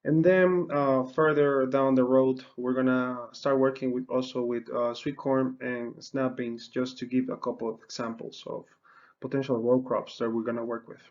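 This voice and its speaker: Speaking at normal speed with a mid-range, darkish voice and little pitch movement, this Dominican horticulture researcher presents an extension webinar. The middle-aged man fills his speech with uh, um, and repeated restarts, captured on a muffled recording.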